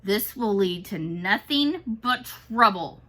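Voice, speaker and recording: A sleepy, grumpy little possum boy in a children's storybook, put on by a woman reading aloud. He talks in a drowsy, gruff way that can slide toward a growl. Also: mid-range voice, animated, takes it slowly, sharp tone, heavily acted. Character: lazy grumpy young male possum.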